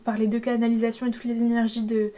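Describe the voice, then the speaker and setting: A woman giving an intuitive tarot reading, talking hesitantly with many fillers and a gentle tone. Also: fairly high pitch, completely flat delivery, fast talker, noisy background. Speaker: tarot reader. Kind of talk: intuitive card-reading guidance.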